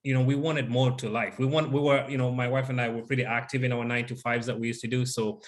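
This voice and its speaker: A man in his thirties, originally from Uganda, talks as an interview guest in a mid-range voice. He tells his story in a grateful, unhurried way, with many "uh" fillers along the way. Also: mid-range voice, flat delivery. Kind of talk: casual interview chat.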